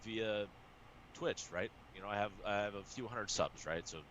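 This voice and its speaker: A man, a poker streamer and coach, chatting casually and excitedly, swearing often and restarting his sentences. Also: fairly low pitch, normal speed, lo-fi sound, slight background noise. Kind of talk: casual show chat.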